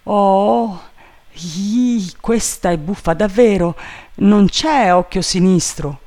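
Man doing a high, drawling servant. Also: takes it slowly, darkish tone. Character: eager, simple-minded male servant calling down from a tree.

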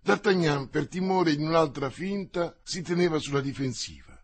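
A man narrating an adventure novel as an audiobook with a steady, measured reading. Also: a little high, husky. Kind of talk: scripted narration.

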